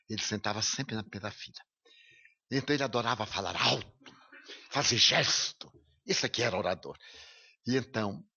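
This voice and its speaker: A man's voice: on the low side, bright, forceful tone, slightly rough. A man giving a lecture, telling a personal story with emotion and vivid detail. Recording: lo-fi radio recording.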